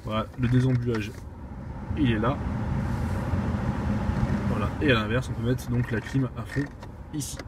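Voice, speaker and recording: A man's voice: medium pitch, steady tone, measured pace, long pauses, heavy background noise. A young man showing a car's cabin in a casual walkthrough, filling his talk with "euh" and restarts, filmed on a phone inside the car. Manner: chatty, heavy with fillers and restarts. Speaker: car reviewer. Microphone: phone camera.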